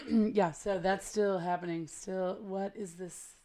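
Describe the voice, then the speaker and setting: An American woman hosting a podcast with casual, rambling, slangy chat, her gravelly voice hoarse and smoky from a cold. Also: medium pitch, fairly even intonation, slow, mellow. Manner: chatty, rambling, self-deprecating, slangy. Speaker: podcast host. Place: at home.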